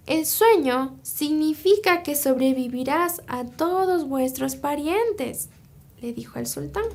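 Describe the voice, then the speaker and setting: A woman from Ecuador preaching a live sermon, telling a parable and checking in with her listeners as she goes. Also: sits high. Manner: earnest, asks "¿sí?" often. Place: church streaming live.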